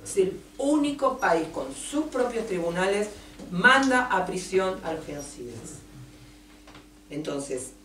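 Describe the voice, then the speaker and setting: A woman's voice: medium pitch, sing-song, takes it slowly, a bit bright. A woman from Argentina with an Argentine accent, giving an impassioned book presentation and stressing her points with long emphatic lists. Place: event room in a café. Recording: roomy, distant mic, faint noise.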